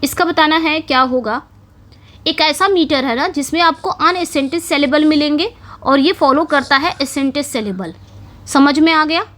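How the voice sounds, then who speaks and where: A woman's voice: high voice, normal speed, fairly bright tone. A woman teaching an English exam-prep lesson, explaining step by step with frequent check-ins to her students. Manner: explains step by step, checks in with "ठीक है" and "समझ में आ गया".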